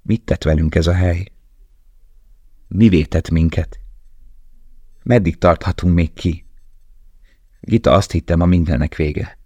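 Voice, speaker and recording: A man's voice: low-pitched, fairly even intonation, pauses often, dark tone, slightly rough, dry recording. A man reading as a weary, loving young prisoner. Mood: brooding. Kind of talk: audiobook dialogue.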